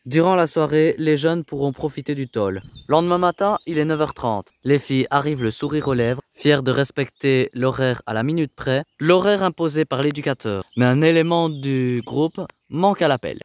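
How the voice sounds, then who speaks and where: A man's voice: on the high side, moderate pace, few pauses. A man delivering scripted reality TV voice-over with emphatic, dramatic phrasing. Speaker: narrator.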